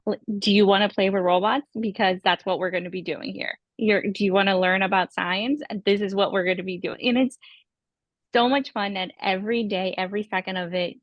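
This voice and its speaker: A young woman telling stories in a casual podcast interview, excitable and chatty, acting out quoted dialogue. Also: mid-range voice, no room sound, highs cut off. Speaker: podcast guest, former program participant.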